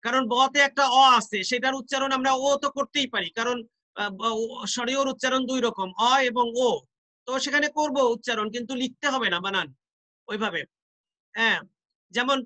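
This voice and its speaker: A male teacher with a Bangladeshi accent gives an online class, explaining slowly, repeating examples and asking rhetorical questions. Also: extremely high pitch, sharp tone, rough recording.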